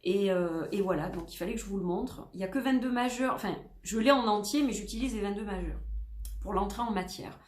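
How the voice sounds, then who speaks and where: A woman's voice: medium pitch, fairly quick, darkish tone, roomy sound. A woman with a French accent chatting casually as she shows her tarot decks, rambling with many fillers and self-corrections. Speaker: tarot vlogger.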